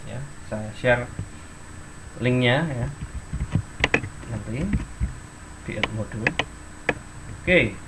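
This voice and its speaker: A man's voice: medium pitch, noisy background. A man teaching English in an online class, explaining step by step and reading example sentences and dictionary entries aloud.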